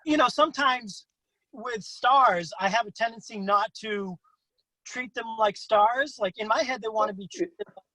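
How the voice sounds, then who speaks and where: A man hosting a casual interview over a video call who swears freely and jumps into excited voices when he quotes other wrestlers. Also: normal speed, no echo, low-quality recording. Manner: profane, swears freely in anecdotes; acts out quotes with big pitch jumps. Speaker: interview host.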